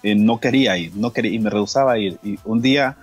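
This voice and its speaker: A man's voice: lowish voice, fast, husky, soft background music. A man with a Honduran accent, a guest singer and pastor, tells a personal story in an interview, acting out the dialogue and often repeating words. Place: radio studio.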